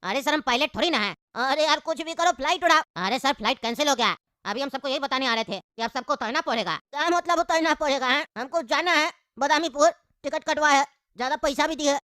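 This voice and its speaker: A woman's voice: high voice, brisk, pushed and bright, no room sound, clean studio sound. A woman voicing a sick old father in a cartoon, grumbling and coughing between complaints. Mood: indignant. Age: older. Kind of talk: cartoon voice acting.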